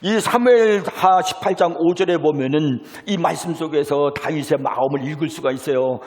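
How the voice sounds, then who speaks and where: A male pastor preaching a sermon, telling stories dramatically and acting out the voices he quotes, with sudden swings between loud and soft. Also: fairly high pitch, normal speed. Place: church sanctuary. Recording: long hall reverb.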